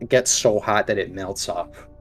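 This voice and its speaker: A young man with a slightly low voice narrates as dungeon master. He gropes for words and restarts his sentences. Faint music plays underneath. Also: measured pace. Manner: hesitant, restarts while describing. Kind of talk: running a tabletop game.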